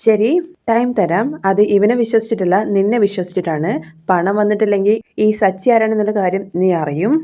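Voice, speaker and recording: A woman voicing a hot-tempered young husband who makes demands, read out in a quick recap. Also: mid-range voice, lo-fi sound, close to an everyday voice. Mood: angry. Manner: demanding, forceful.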